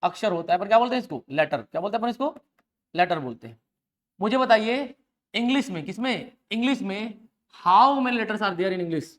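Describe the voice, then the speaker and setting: A man's voice: sits high, lively intonation, normal speed, fairly bright tone. A man teaches a live class and talks easily to his students. He throws out a question, answers it himself and repeats the word so that it sticks. He mixes in homely examples and mild jokes. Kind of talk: live online class lecture.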